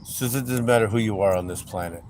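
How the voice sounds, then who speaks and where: A man's voice: lowish voice, fast, darkish tone. Chatty middle-aged man livestreaming from a car. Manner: rambling, chatty, with frequent "anyway" and "um". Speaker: livestream host. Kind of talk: casual storytelling while driving. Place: in a car on city streets. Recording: street traffic noise. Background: traffic and city ambience.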